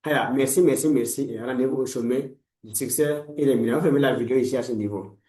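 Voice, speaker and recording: A man's voice: medium pitch, fast, mellow. Forties guy coaching, preachy and repetitive, roomy far-off sound. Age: 40s. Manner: preachy, repetitive, blessing-heavy. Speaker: life coach. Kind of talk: motivational talk. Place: room lined with books, indoors.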